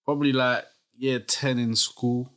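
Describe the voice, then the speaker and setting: Bright-voiced East London man. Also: mid-range voice, unhurried. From East London, England. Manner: relaxed, laughs easily, uses slang. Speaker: guest DJ. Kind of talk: casual podcast conversation.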